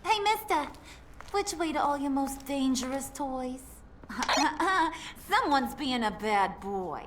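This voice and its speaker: A woman voices a brash, mocking gang leader in a video game, bossy and playfully menacing, taunting in a sing-song way. Her voice is high and animated yet slow, with some background noise.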